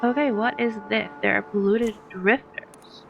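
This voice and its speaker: A woman's voice: fairly high pitch, unhurried, vocal fry, lo-fi sound, faint music behind. A woman hosting a let's play, giving casual commentary that is chatty and giggly as she thinks aloud through her game.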